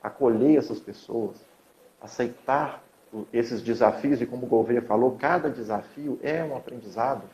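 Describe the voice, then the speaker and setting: A man's voice: mid-range voice, moderate pace, darkish tone. Man, echoey dull recording. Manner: earnest, encouraging, repeats phrases. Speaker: host, hypnotherapist. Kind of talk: reflective conversation on grief. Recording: echoey, dull audio with faint hiss.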